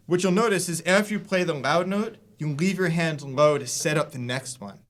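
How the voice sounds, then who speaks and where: Relaxed man teaching drums. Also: a little high, normal speed, background noise. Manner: relaxed, explains with fillers and restarts. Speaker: drum teacher. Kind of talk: casual instructional talk. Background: drum hits between lines.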